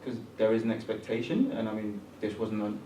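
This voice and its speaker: A man with a fairly low, mellow voice talks fairly quickly as a guest programmer in a conversational discussion, searching for words with many ums and restarts. Born in England and partly raised in Ghana, he is recorded in a room at a public talk event through a distant mic, so the sound is roomy with faint ambience and slight background noise.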